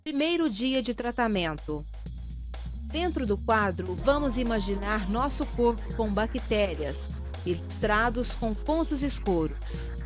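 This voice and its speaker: A woman reading a scripted lesson for pharmacy assistants in a steady, even way. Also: on the high side, a little slow, over music. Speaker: course narrator. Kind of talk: scripted instructional narration.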